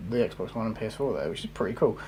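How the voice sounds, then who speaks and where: A man's voice: fairly low pitch, lively intonation, rapid-fire, crowd noise. Rambling man hosting a podcast. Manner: rambling, lots of fillers and swearing. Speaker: podcast host. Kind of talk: casual gaming chat.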